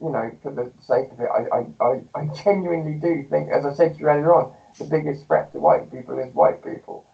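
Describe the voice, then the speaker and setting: A man interviewing someone, speaking gently and reassuringly, often stammering as he restarts sentences. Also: fairly high pitch, sing-song, fairly quick, vocal fry, few pauses. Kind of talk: candid interview talk. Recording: dull, distant mic.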